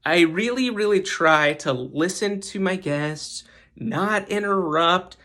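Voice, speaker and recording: A podcast host gives a guest segment, offering casual, emphatic commentary and often repeating words for stress. His voice sits high and is bright and forceful, and he speaks slowly.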